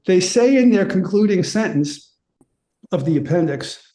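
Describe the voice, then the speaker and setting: A man presenting at a conference, reading a prepared paper aloud in an earnest, measured way. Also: high-pitched, expressive, mellow.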